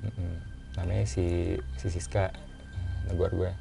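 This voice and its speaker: Gravelly low-voiced man with slang. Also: little pitch movement, a little slow, dark tone, faint music behind. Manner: casual slangy retelling, repeats phrases for emphasis. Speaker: guest telling his own story. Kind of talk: casual storytelling chat.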